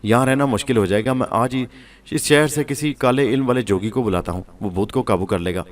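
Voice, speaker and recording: A man's voice: medium pitch, far from the mic, close to an everyday voice. A man doing a worried husband. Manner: anxious insistence. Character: worried husband, nervous and stubborn.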